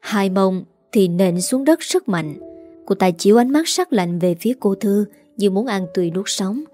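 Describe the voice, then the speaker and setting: A woman's voice: mid-range voice, lively intonation, normal speed, mellow, soft background music. A woman reading a serialized drama story aloud, voicing every character in her own voice. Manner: reads every character herself with small voice shifts.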